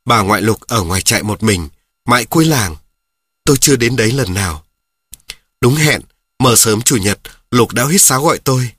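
A man narrating a children's story in a steady reading voice, speaking directly to his listeners. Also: mid-range voice, moderate pace, long pauses, slightly rough, no room sound, clean studio sound.

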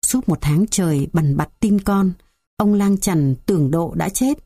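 A woman narrating a folk tale in a measured, dramatic storytelling manner. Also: on the low side, dark tone, no room sound, studio quality.

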